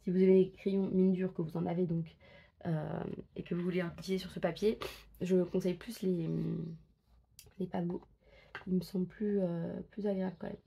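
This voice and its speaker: A coloring book vlogger chats casually while coloring and testing pencils, thinking out loud with lots of fillers and self-corrections. Her voice is lowish, warm, and husky, with vocal fry, a level tone, and a moderate pace.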